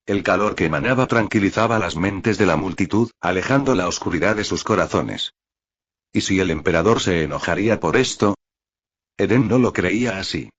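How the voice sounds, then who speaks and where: A man narrating a light novel in an even, steady storytelling manner. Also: sits low, moderate pace, slightly rough. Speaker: audiobook narrator. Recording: dull lo-fi recording.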